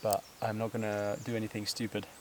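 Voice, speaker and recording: This hiking vlogger speaks a bit fast in a fairly low, monotone voice while climbing a steep trail outdoors. Winded, he rambles casually to the camera with fillers and laughs, buzzing insects and slight noise in the background.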